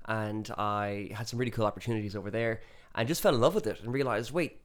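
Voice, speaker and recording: A man's voice: lowish voice, fast. A man with a west of Ireland accent, chatting casually and enthusiastically as an interview guest, telling stories in Irish turns of phrase. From Galway, west of Ireland. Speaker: interview guest, musician and performance poet.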